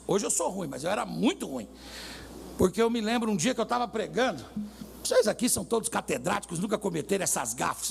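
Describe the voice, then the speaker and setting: A man preaching loudly in a church, telling stories with humor and dramatic swings. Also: high voice, vocal fry, husky. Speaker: pastor. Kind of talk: sermon.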